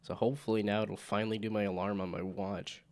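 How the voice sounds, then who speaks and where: A man's voice: on the low side, level tone, fast talker, darkish tone. A man streaming a game, chatting casually, laughing often and reading the game's text aloud.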